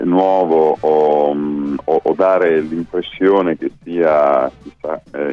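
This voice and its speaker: A man speaking over a phone line from his home kitchen, a musician guest talking in a hesitant way with many fillers. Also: low voice. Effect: heard over a phone line. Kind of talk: casual interview chat.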